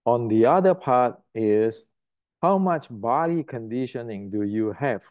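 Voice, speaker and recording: Facing the camera, an older man from Indonesia gives an emphatic, no-nonsense martial arts talk in an unhurried, mid-range voice with lively intonation. The recording is muffled, and he repeats words as he hunts for them.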